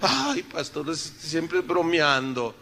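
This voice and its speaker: Man doing a whiny old woman, ninety years old, high and thin, bright pinched tone, sighing complaints. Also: big pitch swings, slow pace, a little hiss or hum, full character voice.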